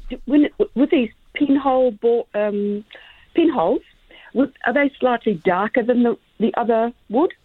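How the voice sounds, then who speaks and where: A woman's voice: fairly high pitch, a little slow, breathy edge, no room sound. A woman calling in over the phone, asking hesitant, polite questions and restarting her sentences. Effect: heard over the phone. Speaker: caller. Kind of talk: casual radio call-in chat. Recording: narrow phone line, dry.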